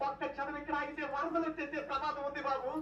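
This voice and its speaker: Woman hamming up comedy scenes, high pitch, dull echoey far sound. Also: little pitch movement, fast, a bit bright. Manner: theatrical, shifting characters. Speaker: comedy sketch performer. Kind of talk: acted comedy skits. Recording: roomy, off-mic, dull lo-fi sound.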